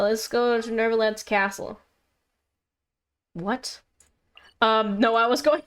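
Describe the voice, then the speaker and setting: A fairly bright, slightly high female voice carries a rambling, playful livestream as she plays a game. She addresses both her audience and herself casually while game music plays underneath.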